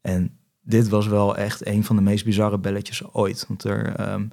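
A man's voice: on the low side, completely flat delivery, unhurried, gravelly, warm tone. A young man from the Netherlands, a podcast guest, tells a travel story in casual chat and acts out phone calls.

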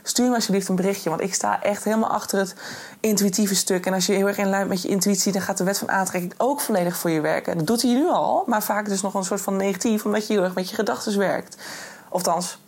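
A woman's voice: medium pitch, quick pace, a little mellow, slightly rough. A young woman hosting a solo podcast, talking casually and encouragingly to her listeners and slipping in English phrases. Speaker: podcast host and intuition coach.

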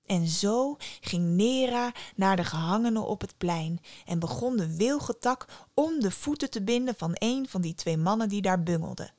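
A woman narrating a folk tale in a hushed, dramatic storytelling manner. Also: mid-range voice, animated, normal speed, dry recording, clean studio sound.

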